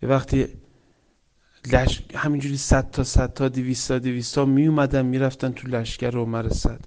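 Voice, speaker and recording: A man preaching a sermon with stories, swinging between loud emphatic lines and soft hushed ones, reciting Quranic verses. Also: medium pitch, flat delivery. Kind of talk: religious sermon with storytelling.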